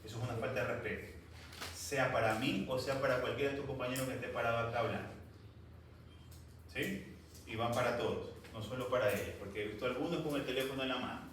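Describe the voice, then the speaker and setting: A man delivers a medical lecture, now and then scolding his students sternly. He talks fast in a mid-range voice with a fairly bright tone. The clip comes from far away in an echoey classroom, with a little background noise.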